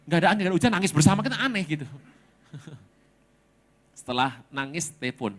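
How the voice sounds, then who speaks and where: A male pastor preaching a sermon, telling stories in a lively, humorous way with dramatic swings. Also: a little high, moderate pace.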